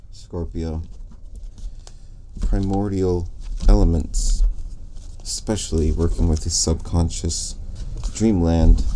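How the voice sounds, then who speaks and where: Slow, deep-voiced man reading tarot. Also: background noise. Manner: musing, drifting, pauses mid-thought. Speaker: tarot reader.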